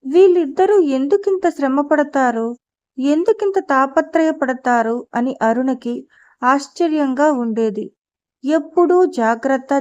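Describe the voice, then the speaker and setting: A woman reads a novel aloud as an audiobook narrator, in a steady and measured way. Her voice sits high, and the recording sounds a little dull and muffled.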